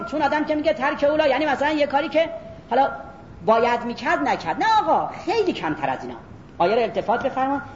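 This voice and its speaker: A woman giving an animated religious lecture as a Quran teacher, reciting Arabic verses and speaking directly to her listeners. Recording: echoey room, dull lo-fi sound, faint rumble.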